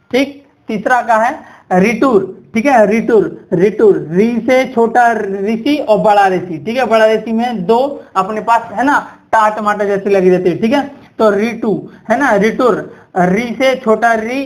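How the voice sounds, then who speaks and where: A woman teacher, her pitch sitting in the middle of the usual range for a woman. She runs an exam-prep grammar lesson, tagging nearly every phrase with a quick "है ना" or "ठीक है". She drills each memory rule by chanting it several times in a row. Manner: keeps asking "है ना" and "ठीक है", repeats rules in a chant.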